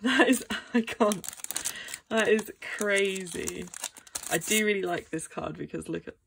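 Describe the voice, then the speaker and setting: A woman vlogger chats her way through trading card packs, easily excited and often gasping. She talks at an unhurried, drawn-out pace. A faint hiss and the crinkle of wrappers sit under her voice. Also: mid-range voice, gravelly. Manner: excitable, gasping and exclaiming over pulls. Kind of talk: casual unboxing chat.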